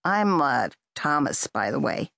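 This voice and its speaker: A woman voicing a calm tall young man. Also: low-pitched, measured pace, vocal fry, dry recording, studio quality, heavily acted. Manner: calm, gentle.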